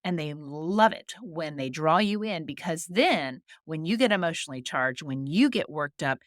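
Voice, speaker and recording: A woman hosting a faith-based advice podcast, talking in a calm, earnest, encouraging way with small laughs, recorded close on a mic. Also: low-pitched, normal speed, no room sound. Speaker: podcast host.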